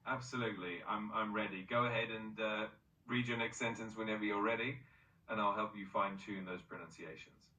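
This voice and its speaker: A synthetic male voice assistant with a bright, forceful tone and a somewhat low pitch, coaching pronunciation in an upbeat, encouraging way. It is played back from a distant speaker in a roomy space. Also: fairly even intonation, a little fast. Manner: upbeat, encouraging, praises often.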